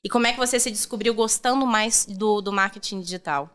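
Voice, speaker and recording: A woman's voice: medium pitch, fairly quick, a bit bright. A young woman hosting a casual podcast chat, upbeat and friendly, laughing often. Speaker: podcast host. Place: studio.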